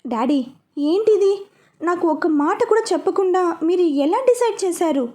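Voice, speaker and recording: Woman voicing an anxious young daughter, high and bright. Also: expressive, a little slow. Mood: distressed. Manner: pleading, urgent.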